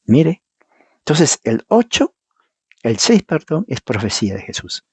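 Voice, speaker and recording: A man with a husky, slightly rough voice delivers a verse-by-verse Bible teaching sermon. He reads scripture aloud and explains it with emphasis, often turning to the congregation with rhetorical questions. The sound is dry and close, at a middle pitch. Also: big pitch swings, measured pace, no room sound. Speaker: preacher.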